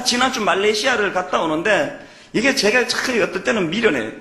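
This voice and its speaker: A man's voice: high-pitched, bright, forceful tone. A man from preaching a sermon as a pastor, earnest and emphatic, with many rhetorical questions. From Gyeongsang, South Korea. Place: church sanctuary. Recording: echoey church hall.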